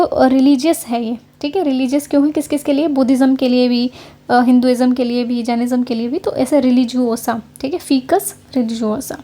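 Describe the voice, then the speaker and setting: A high, dark-toned voice belongs to a woman from Haryana, India, who is leading an online exam-prep session. It plays out as a casual lecture over slides, conversational in style, with frequent check-ins with her listeners.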